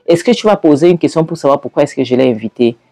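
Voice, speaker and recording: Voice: mid-range voice, lively intonation, fast, warm tone, dry recording, soft background music, natural voice. A storyteller voicing a defiant older woman who dismisses questions with scorn. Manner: combative, dismissive.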